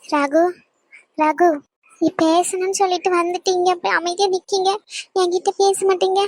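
Lady doing a nervous young bride in a cartoon, begging, high, dry sound. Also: level tone, normal speed, no room sound. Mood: pleading. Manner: pleading. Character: young woman, anxious bride-to-be.

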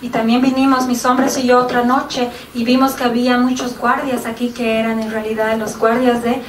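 A woman interpreting a sermon phrase by phrase in a steady voice, recorded from afar in an echoey room with background noise. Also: on the high side, normal speed, recorded from a distance. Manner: even, steady delivery with small restarts.

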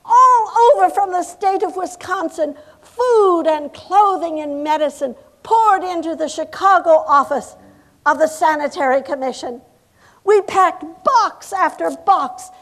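Actress doing a civil war era governor's wife, high voice, slow and solemn, dead earnest. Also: female voice, animated, full character voice. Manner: solemn, impassioned period oratory with slow, deliberate emphasis. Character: earnest, determined 1860s governor's wife, older woman. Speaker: historical reenactor. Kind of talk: first-person historical monologue.

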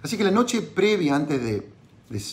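A man with an Argentine Spanish accent, a voice on the high side with big pitch swings, a moderate pace, and a slightly mellow tone, hosts an entrepreneurship podcast. He tells a personal story as motivational advice, chatty, often checking in with tag questions and restarting phrases.

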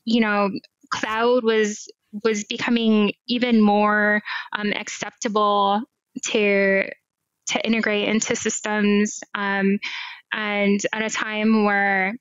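Speaking slowly in a level, slightly bright, smooth medium-pitched voice, this guest is a middle-aged woman from Hawaii who works as a cloud AI expert. She answers a video-call interview thoughtfully over a headset mic, restarting a little now and then, from a home room with window blinds. There's no room sound, though the lo-fi call audio is a bit dull.

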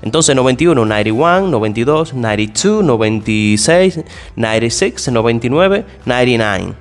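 A male English teacher with a lively, rising and falling voice, talking directly to his listeners. He asks questions and answers them himself, and says each example word lower and softer. Faint music plays under him. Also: normal speed. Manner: addresses listeners directly and informally. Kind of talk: spoken language lesson.

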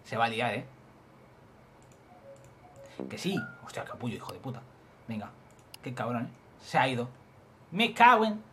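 A man's voice: medium pitch, expressive, normal speed, long pauses, a bit bright, slight background noise. A young man with an accent from Spain giving casual, joking gameplay commentary and swearing freely. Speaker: let's play host.

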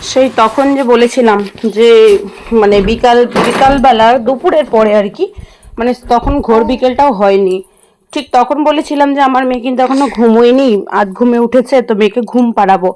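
A woman's voice: on the high side, a little fast, darkish tone. A young woman chatting casually to her viewers in a home vlog while she cooks in a small kitchen. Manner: chatty, talks straight to viewers while cooking. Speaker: vlogger.

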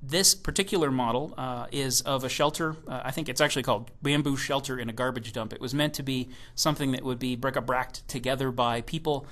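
A man giving a recorded keynote presentation about software, enthusiastic and given to joking asides. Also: medium pitch, fairly quick, hardly any pauses.

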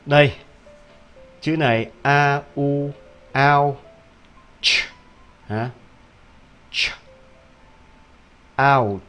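Slow, drilling male teacher. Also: a little high, a bit bright, faint music behind. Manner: drills words by repetition, with frequent rhetorical "hả?" checks. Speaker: English pronunciation teacher. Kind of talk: video pronunciation lesson.

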